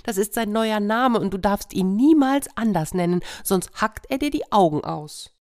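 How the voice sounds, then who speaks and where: A woman's voice: mid-range voice, lively intonation, moderate pace, a little mellow, pitched above the performer's own voice, natural voice. A woman voicing a fussy, anxious farmyard hen in a children's storybook tale. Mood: urgent. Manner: fretful, insistent.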